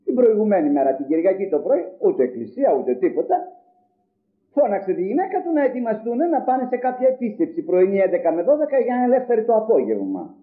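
A man's voice: high-pitched, big pitch swings. An older man from Greece preaching a sermon, telling a story and acting out its dialogue, then asking the congregation rhetorical questions. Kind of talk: sermon with told anecdotes. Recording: tinny lo-fi old tape recording.

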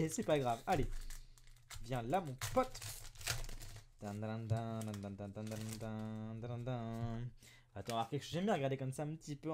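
A man opening trading card packs on camera, rattling through card names one after another. His fairly high voice swings widely in pitch and bursts into loud cheers. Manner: animated, breaks into loud cheers; reads card names aloud in quick lists. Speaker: YouTuber. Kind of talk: card pack opening commentary.

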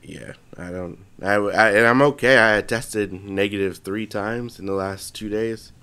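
A man's voice: lowish voice, fairly even intonation, measured pace, bright, forceful tone, clear, resonant tone. A young man, congested, co-hosting a podcast in casual, rambling chat full of swearing and restarts. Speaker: podcast co-host.

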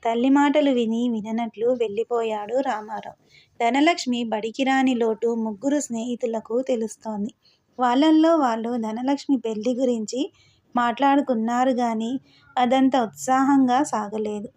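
Calm, mellow woman narrating a novel. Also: on the high side, moderate pace. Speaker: audiobook narrator.

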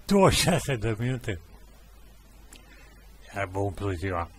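A man's voice: lowish voice, big pitch swings, slightly rough. A middle-aged man with a Romanian accent telling rambling anecdotes in a casual monologue and acting out the dialogue. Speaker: podcast host.

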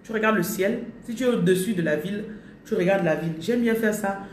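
A woman's voice: mid-range voice, fairly quick, darkish tone, slight background noise. A woman giving a live spiritual coaching talk, declaring affirmations over her audience with emphasis and repeating her phrases. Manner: repeats phrases and slips into English. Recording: roomy echo, distant mic.

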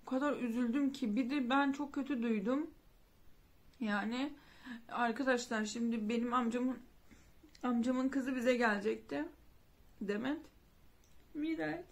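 A woman with a fairly high voice tells a personal family story straight to camera. She sounds grieving and rambles, doubling back with restarts and fillers as she talks. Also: unhurried, pauses often. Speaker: vlogger.

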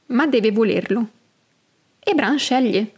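A woman's voice: a little high, slow, a little mellow, slightly rough. Woman explaining fantasy lore. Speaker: podcast host. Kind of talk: lore podcast narration with book readings.

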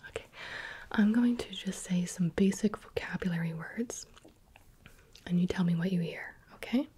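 A woman speaks almost entirely in a soft, unvoiced whisper, very breathy and airy. Her tone is dark and mellow, and she coaxes patiently like an examiner running simple tests. She sounds right up against the microphone, as if leaning in by the ear. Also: fairly low pitch, normal speed. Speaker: roleplay examiner giving eye and hearing tests. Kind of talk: ASMR roleplay. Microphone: close mic, leaning near the ear.

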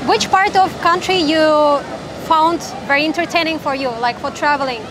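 A woman's voice: high-pitched, normal speed. A woman interviewing people on the street, asking short, simple questions in non-native English. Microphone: handheld mic held to speakers. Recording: loud outdoor noise.

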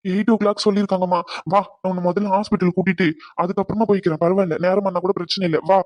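A gentle, obliging older man in a cartoon, his voice pushed down low and quick, dry and close, as a woman puts him on. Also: flat delivery, muffled recording, close to an everyday voice. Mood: calm.

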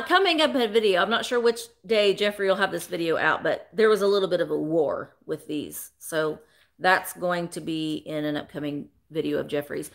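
With a mid-range, sharp-toned voice, a woman in her forties runs a chatty live vintage sale stream from a small room crammed with vintage decor. She talks animatedly into a closely framed desk webcam and greets viewers by name.

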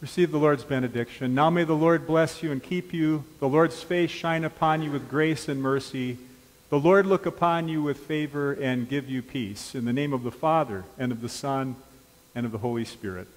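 A man leading a church service as pastor, speaking calmly and measuredly through prayers and blessings. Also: fairly high pitch. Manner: calm, measured liturgical speech. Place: large church sanctuary. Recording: reverberant church from a distance.

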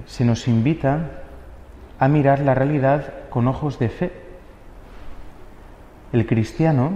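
Young man, priest's homily, mellow voice, dull sound, long church echo. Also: medium pitch, slight background noise. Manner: earnest, with spoken fillers and rhetorical questions.

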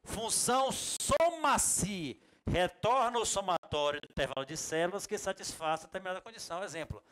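A man with a Bahian Brazilian accent teaching a computer class in a classroom, lively and jokey, talking straight to his students. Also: high-pitched, moderate pace. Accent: Bahian Brazilian Portuguese. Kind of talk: classroom lecture.

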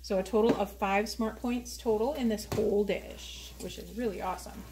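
An American woman hosts a casual home cooking video, chatting as she works in her kitchen. Her voice is medium-pitched and dark-toned, with fairly even intonation and a normal speed. The audio comes from a tripod-mounted camera in a noisy home kitchen.

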